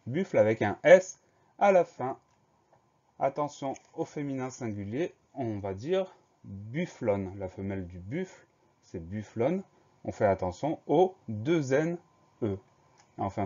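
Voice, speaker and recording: A man's voice: medium pitch, dark tone, muffled recording. Man patiently spelling out dictation words. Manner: slow, careful, spells words letter by letter. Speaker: teacher.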